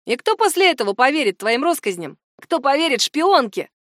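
A woman reading an audiobook, voicing a brash, scheming teenage boy who taunts and threatens in loud outbursts. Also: high voice, sing-song, fairly quick, dry recording, studio quality, voice pushed up. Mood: taunting.

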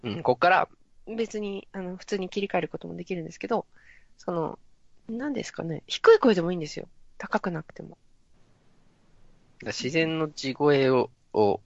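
Man, thirties, playful and laughing, gravelly edge, lo-fi dry sound. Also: a little high, animated, no echo. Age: 30s. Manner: playful, laughing, explains in a halting way. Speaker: guest voice performer. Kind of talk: casual chat with a voice-training demonstration.

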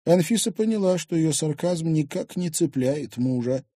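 A man narrating an audiobook in a measured, expressive storytelling manner. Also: a little high, no room sound, studio quality. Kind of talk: scripted narration.

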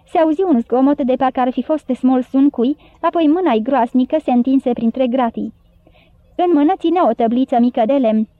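A woman narrating an audiobook with steady, even storybook reading. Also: high voice, no room sound. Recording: dry, phone-like narrow sound.

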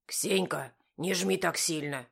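A woman voicing a calm middle-aged man who gives patient, then firm, driving instructions. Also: fairly low pitch, takes it slowly, vocal fry, breathy edge, full character voice. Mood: stern. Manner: steady, instructive, commanding.

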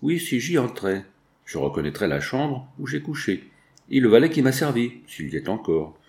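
Sacha, read by a man, a gravelly earnest boy. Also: mid-range voice, sing-song, normal speed, darkish tone. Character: young boy, earnest and outspoken.

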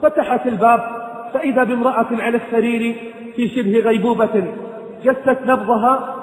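Man telling a sermon story, really high voice, lots of hall echo. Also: fairly even intonation, a little fast. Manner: addresses listeners directly, dramatic. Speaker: preacher. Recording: echoey hall reverb.

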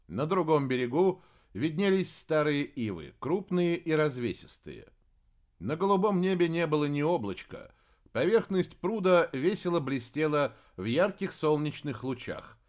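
A man reading a fairy-tale audiobook with expressive storytelling narration. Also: fairly high pitch. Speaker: audiobook reader. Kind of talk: scripted narration.

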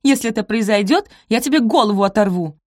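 A woman's voice: a little high, expressive, normal speed, no echo, clean studio sound, voice pushed up, close to an everyday voice. A woman reading aloud and voicing a haughty, spoiled young lady who snaps and sneers. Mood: snappish. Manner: snapping, scornful.

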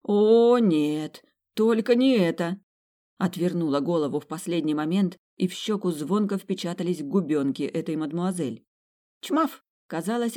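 A woman reading an audiobook aloud, telling a story in the first person with a wry, lively manner. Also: fairly low pitch. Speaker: audiobook reader. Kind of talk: first-person narration of a fantasy romance.

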